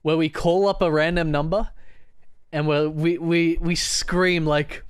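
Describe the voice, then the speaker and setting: A man's voice: on the high side, steady tone, unhurried, clean tone, no room sound, clean studio sound. A young man co-hosting a podcast, telling stories in a rambling way, laughing often and acting out quoted voices. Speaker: podcast co-host. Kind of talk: casual chat.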